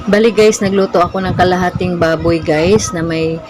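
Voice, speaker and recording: A woman's voice: fairly low pitch, steady tone, normal speed. A young woman narrating her home vlog as a mother, chatty and casual, often addressing her viewers as "guys". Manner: chatty, keeps saying "guys". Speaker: vlogger and mother. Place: home kitchen. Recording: noisy home recording.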